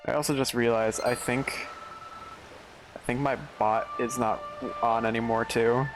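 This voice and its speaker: A man's voice: mid-range voice, flat delivery, measured pace, poor audio. Man streaming a game over music. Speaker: let's play streamer. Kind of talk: casual game commentary, reading dialogue aloud.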